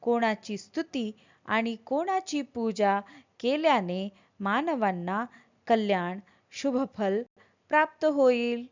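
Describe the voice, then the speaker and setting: Very slow, over-enunciating woman reciter. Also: a little high, lively intonation, highs cut off. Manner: over-enunciated, deliberate, clearly separated words. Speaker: teacher of Sanskrit hymn recitation. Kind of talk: slow scripture recitation with explanation.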